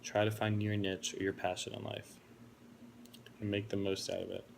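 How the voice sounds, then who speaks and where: Speaking about himself in an earnest, reflective prepared speech, this twenty-something college student from Florida, United States, has a deep and gravelly voice. The melody stays narrow and even, the pace is moderate, and a faint hiss lingers in the background.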